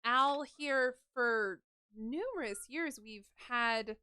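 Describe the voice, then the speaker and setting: A woman's voice: on the high side, slow pace, bright, forceful tone, smooth, dry recording. A woman narrating as game master of a tabletop game, rambling and giggly with lots of fillers.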